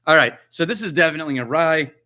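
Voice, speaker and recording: Speaking quickly in a fairly high, bright and forward voice, a man hosts a whisky tasting stream from his cold home. Relaxed and joking, he muses aloud as he sips and responds to viewers' comments in real time.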